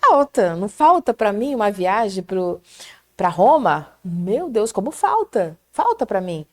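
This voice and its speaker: Middle-aged Brazilian woman, lively storyteller sharing her faith, fervent and chatty. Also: medium pitch, a little slow. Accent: Brazilian Portuguese. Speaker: prayer group guest. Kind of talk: casual testimony chat.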